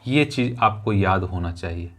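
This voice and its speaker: A man's voice: low voice, animated, normal speed. A man teaching a math lesson in a classroom, explaining step by step, repeating key phrases and checking in with his students.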